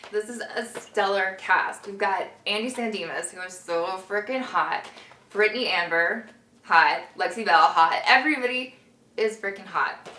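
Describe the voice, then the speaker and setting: A woman's voice: medium pitch, moderate pace, pushed and bright, echoey room. A woman hosting a casual review vlog, gushing and giggly, frank and swearing freely. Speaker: review show host.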